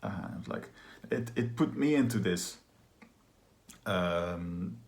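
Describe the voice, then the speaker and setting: Man, lowish voice, rambling personal storyteller, candid, lots of fillers. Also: animated, slow pace. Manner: rambling, heavy use of filler words; candid and confessional. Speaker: trauma healing practitioner.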